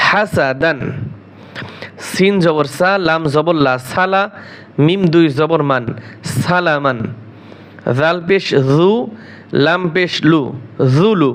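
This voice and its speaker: A man with a fairly high, fairly bright voice teaches Quran reading in a spelling-out recitation lesson. He spells Arabic words slowly, drawing out each syllable, and repeats every word.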